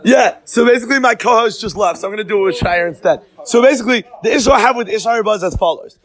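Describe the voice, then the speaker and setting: A man's voice: sits high, racing. A young man hosting a comedic podcast, rambling through a rant with restarts and sprinkled Yiddish and Hebrew terms. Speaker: podcast host.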